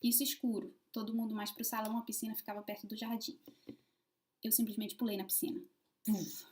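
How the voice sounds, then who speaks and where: A woman telling a personal story to camera in a casual, expressive way, swinging between loud emphasis and hushed asides. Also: fairly high pitch, a little fast.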